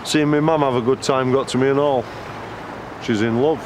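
A young actor as a wistful lad who talks low and confiding, his plain in every line. Waves and outdoor ambience hiss clearly behind him in this film scene. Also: steady tone, moderate pace, natural voice. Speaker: young man chatting with a singer. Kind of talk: film dialogue.

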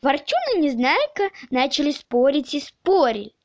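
A woman narrating a children's audiobook in a slow, expressive storytelling manner. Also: high voice, dull audio.

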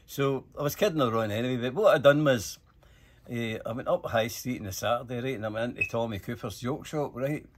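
With a mid-range voice and brisk pace, an older storyteller from Scotland spins casual, sweary anecdotes, animatedly performing each line of dialogue. A little hiss or hum sits in the recording.

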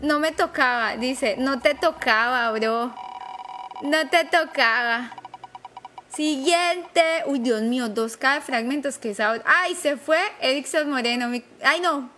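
A woman streaming live to her chat, commentary full of excitable, nervous exclamations. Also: sits high, measured pace, hardly any pauses, a little hiss or hum.

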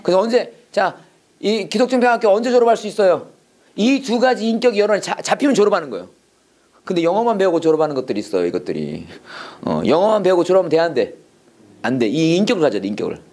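Fast and sing-song, a middle-aged man's high voice carries a darkish tone as he teaches a Bible and English class. He preaches with emphasis and leads students in repeating drilled phrases back to him.

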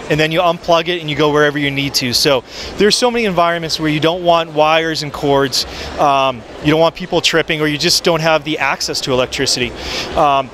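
A man in his forties giving an upbeat sales pitch for his product on a handheld mic, with frequent ums, in a busy expo hall. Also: pushed and bright. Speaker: photo booth maker. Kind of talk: trade show product pitch. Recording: noisy trade show floor.

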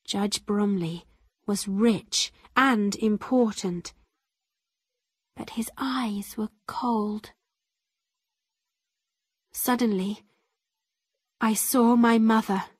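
A woman narrating an easy-level story in the first person, reading slowly and carefully. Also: medium pitch, fairly even intonation, breathy edge, no room sound, studio quality. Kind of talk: slow graded-reader story narration.

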